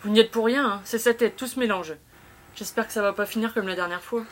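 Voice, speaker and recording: A woman's voice: fairly high pitch, fast talker, slight background noise, lightly acted. An actress playing a worried, polite female carer in familiar, colloquial radio drama dialogue.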